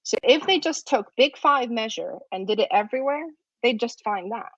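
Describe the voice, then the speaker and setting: Presenting an academic workshop over a video call, a woman whose first language is Russian lectures conversationally, often checking in with "right?". Her expressive, somewhat bright voice is on the high side at a moderate pace, with no room sound. The computer microphone gives dull, lo-fi online conference audio.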